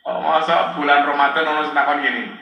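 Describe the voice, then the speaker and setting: A man with a Javanese accent preaching an Islamic sermon, animated and joking, with loud cries and quoted verses. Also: on the high side, quick pace, creaky, muffled recording. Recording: echoey hall from far off.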